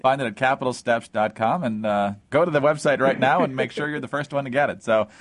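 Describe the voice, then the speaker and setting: A man's voice: medium pitch, fast talker. A man hosting a radio show, chatting casually with a guest and plugging her work. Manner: friendly, plugs and wraps up segments. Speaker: radio host.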